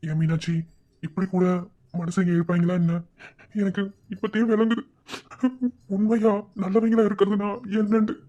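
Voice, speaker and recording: Man as remorseful cartoon village woman, Madurai speech, raised pitch. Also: little pitch movement, normal speed, dark tone, muffled recording, lightly acted. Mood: regretful. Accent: Madurai Tamil. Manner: regretful, earnest.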